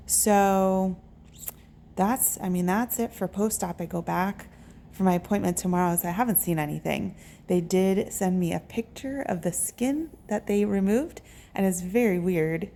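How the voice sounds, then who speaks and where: Low, creaky woman, halting vlog talk. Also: dark tone. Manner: halting, pauses to search for words. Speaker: patient recording a recovery vlog. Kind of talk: casual update talk to camera. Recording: faint background room noise.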